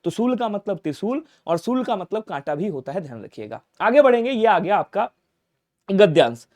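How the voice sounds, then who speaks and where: A high-pitched male teacher drilling exam grammar questions at a brisk clip. He asks each question and answers it himself in the same breath, and he drops his voice low for quick reminders. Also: big pitch swings, a little mellow. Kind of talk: exam-prep grammar lesson.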